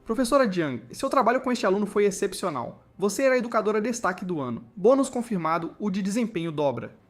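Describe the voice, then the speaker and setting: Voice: mid-range voice, sing-song, quick pace, natural voice. A narrator voicing a fawning, eager older male school principal in a story recap. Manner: eager and ingratiating.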